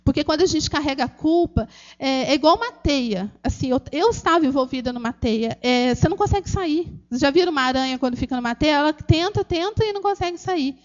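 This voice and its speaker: On dull audio, a Brazilian woman's high, expressive voice runs fast with few pauses. In a Brazilian Portuguese accent, she gives an earnest, emotional personal testimony at a church gathering, addressing the audience directly as "gente" with many restarts.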